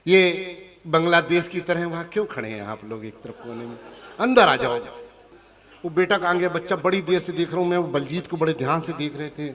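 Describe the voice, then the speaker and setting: A man's voice: on the high side, brisk, a bit bright. A man from Punjab performing comic poetry on stage and teasing the audience directly. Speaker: comic poet. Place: large hall with a live audience. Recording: live stage hall recording with crowd.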